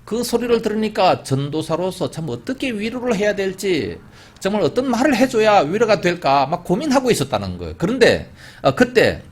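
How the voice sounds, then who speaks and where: A man's voice: big pitch swings, a little fast. A man preaching a sermon in a church, telling a story with big rises and falls in his voice. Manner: storytelling, with large swings in pitch and loudness. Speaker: pastor. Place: church sanctuary.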